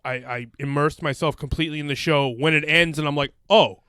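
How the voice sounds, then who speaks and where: A man's voice: a little high, steady tone, brisk, pushed and bright, clear, resonant tone, dry recording, studio quality. A man co-hosting a podcast in casual chat, swearing and laughing often. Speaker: podcast co-host.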